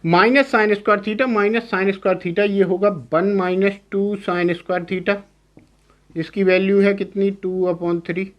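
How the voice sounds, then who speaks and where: A young man teaching math in a lecture, explaining step by step and often asking "clear?" to check. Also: high voice, steady tone, unhurried, dull audio. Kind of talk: classroom lecture on trigonometry.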